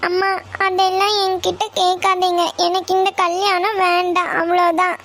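Cartoon daughter, young adult, tearful and evasive, Kongu Tamil accent, very high thin voice; played by a woman. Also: level tone, moderate pace, a bit bright. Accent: Kongu Tamil (Coimbatore). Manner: pleading, evasive. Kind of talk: cartoon voice acting.

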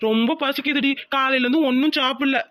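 A lovesick young village husband, played by a woman in a homemade cartoon. The voice sits fairly high for a man. It is recorded close and dry. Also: steady tone, quick pace, fairly bright tone, dry recording. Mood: complaining. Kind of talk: cartoon voice acting.

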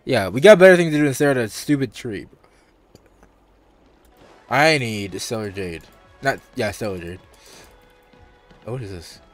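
A man's voice: medium pitch, animated, unhurried, pauses often. A man streaming a video game, chatting casually and thinking aloud, often restarting his sentences. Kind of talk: casual gaming commentary. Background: faint game music.

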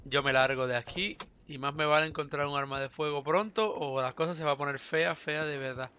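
Chatty gamer, sore throat. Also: male voice, fairly high pitch, a little fast, bright, forceful tone, slight background noise. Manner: chatty, reads in-game text aloud. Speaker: gaming YouTuber. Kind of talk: casual let's play commentary.

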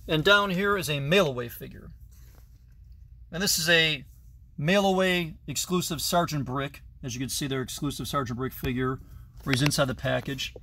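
A man's voice: a little high, moderate pace, pushed and bright, a little hiss or hum. A man in his thirties giving a chatty, detailed tour of his toy collection, filmed on a handheld phone in a basement. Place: basement full of toys, indoors. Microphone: phone camera held at arm's length.

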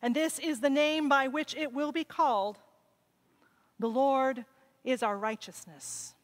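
A woman minister giving a measured, solemn scripture reading in a church service. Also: high voice. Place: large church sanctuary.

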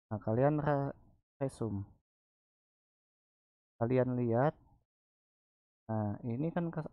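A man with a Jakarta Indonesian accent gives a casual tutorial at a slow pace. He has a speech quirk that softens his r's, so they never roll. The recording is dull and lo-fi, with a dry, close sound. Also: medium pitch, no room sound. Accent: Indonesian, Jakarta colloquial. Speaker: tutorial presenter. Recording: dull, lo-fi microphone.

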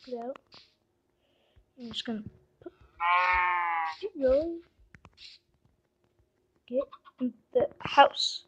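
Chatty high-voiced woman gaming. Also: slow pace, long pauses, dull audio. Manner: chatty, rambling, talks to game animals. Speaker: gameplay vlogger. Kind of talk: casual gameplay commentary. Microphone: phone mic. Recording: noisy phone recording.

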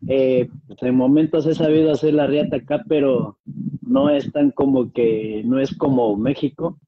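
A man's voice: mid-range voice, fairly even intonation, moderate pace, breathy edge. A young man with a Peruvian accent answering interview questions over a webcam from a small room at home, polite and hesitant. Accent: Peruvian Spanish. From Peru. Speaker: guest singer. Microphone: video call, webcam. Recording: dull, dry video-call sound.

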